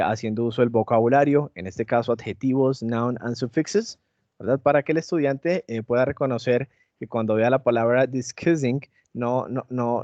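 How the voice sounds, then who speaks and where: Male teacher trainer, mid-pitched, hesitant with fillers, dull dry mic. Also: darkish tone, dry recording. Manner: hesitant, many fillers and tag questions. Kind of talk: online teacher training presentation.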